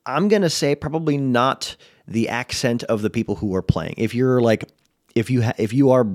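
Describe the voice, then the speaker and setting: A man's voice: medium pitch, normal speed, a little mellow, dry recording, studio quality. A man with an American accent hosting a podcast, giving casual advice to game masters, laid-back with frequent chuckles and restarts.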